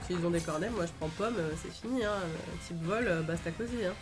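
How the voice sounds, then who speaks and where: A woman's voice: fairly low pitch, fairly quick. A woman hosting a let's-play video, chatting and thinking aloud in a casual, upbeat way with lots of fillers. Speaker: gaming video host. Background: game music.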